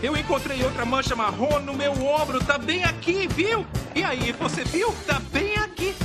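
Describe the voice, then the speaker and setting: A whiny, anxious cartoon giraffe. He frets and complains in a high voice, with loud music behind. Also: normal speed. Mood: anxious, whining. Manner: fretful, complaining. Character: anxious, whining hypochondriac male giraffe. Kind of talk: animated film dubbing.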